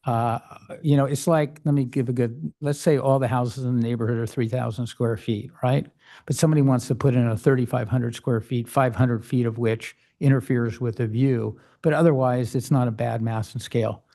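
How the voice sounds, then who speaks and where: A man's voice: mid-range voice, fairly even intonation, moderate pace, vocal fry, warm tone. A man chairing a city design review board meeting, often restarting his sentences as he runs the discussion.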